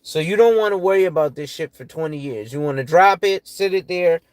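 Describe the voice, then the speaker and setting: Man, forties, financial advisor, casual and profane, tired, fairly high voice. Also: a little fast, darkish tone, smooth, dry recording. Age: 40s. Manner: loose and profane, often tags "right?". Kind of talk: casual talk reading through financial tips.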